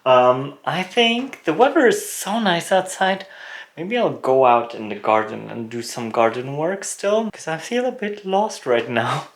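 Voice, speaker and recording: A man in his late thirties chatting casually for a vlog, relaxed and often laughing, with many fillers, while showing around a barn and garden. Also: on the high side, unhurried. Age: late 30s. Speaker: vlogger. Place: outdoors and in a barn on a rural property.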